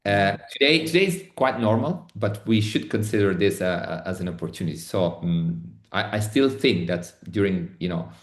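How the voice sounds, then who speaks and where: A middle-aged Italian man with an Italian accent, speaking as an interview guest in careful English with many pauses and restarts. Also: deep voice, lively intonation, roomy sound. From Italy. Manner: thoughtful, many restarts and hesitations. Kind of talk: online interview.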